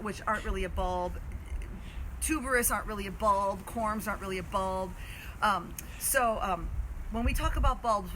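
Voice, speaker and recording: A woman hosting an informal live gardening explainer outdoors, explaining in a halting, stop-and-start way. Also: mid-range voice, fairly bright tone, poor audio. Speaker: host of community garden live video. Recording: outdoor live video, clear ambient noise.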